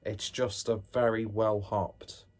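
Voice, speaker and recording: A man's voice: on the low side, level tone, takes it slowly, a little mellow. A man giving a casual tasting review to viewers, musing aloud with chatty, self-deprecating asides. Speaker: beer reviewer, host.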